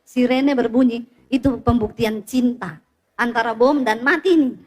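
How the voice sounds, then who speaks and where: Speaking at a moderate pace in a slightly high voice, a woman pastor delivers a sermon full of lively storytelling. She prompts her congregation with questions to keep them involved.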